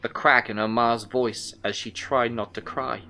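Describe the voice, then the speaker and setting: Voicing an intent, unsettled male detective, an actor narrates his case in brooding, deliberate first-person audio drama, sounding tense and cautious. His mid-range voice is gravelly yet bright and forceful, with fairly even intonation.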